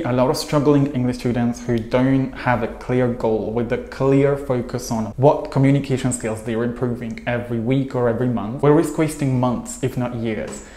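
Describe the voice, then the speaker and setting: Speaking at a moderate pitch, a man whose first language is Hungarian coaches English in a scripted to-camera video. His delivery stays steady and sincere as he lists points at length, while the lapel-mic audio has a distinct echo from the small room at home where he records.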